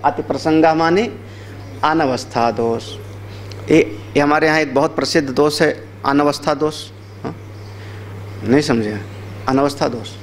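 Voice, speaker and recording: A man's voice: on the high side, a little hiss or hum. A man, a swami, giving a spiritual discourse on yoga scripture, explaining terms and checking with listeners. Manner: explanatory, repeats key terms, asks listeners rhetorical checks; uses everyday anecdotes with acted voices. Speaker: swami teaching yoga philosophy.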